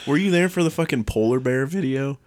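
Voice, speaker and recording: A man's voice: mid-range voice, fairly quick, darkish tone. A young man co-hosting a casual chat podcast, crude and teasing, laughing often as he reminisces. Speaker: podcast co-host.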